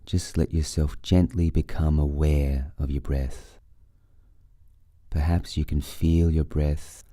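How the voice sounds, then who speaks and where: A man leading a guided breathing meditation, giving soothing, unhurried instructions with long pauses between phrases. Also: extremely low pitch, warm tone, dry recording, clean studio sound.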